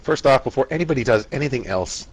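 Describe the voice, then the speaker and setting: A man acting as game master, narrating a tabletop fantasy game casually in a halting, improvised way. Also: mid-range voice, lively intonation, a little hiss or hum, low-quality recording.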